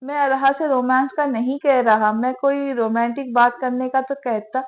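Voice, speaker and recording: A brooding young man from a romance novel audiobook, as a woman reads him, sulky and sarcastic. His lines come out irritated, in a high voice. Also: fairly even intonation, lightly acted.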